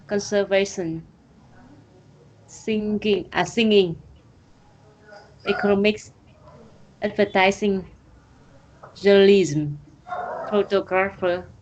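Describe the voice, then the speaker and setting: Woman, language student, halting, slow, faint noise. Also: medium pitch, poor audio. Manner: hesitant, halting, repeats words after the teacher. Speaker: English learner.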